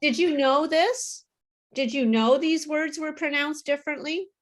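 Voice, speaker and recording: A woman teaching English pronunciation in a live online class, explaining slowly and often checking in with "okay". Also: sits high, fairly even intonation.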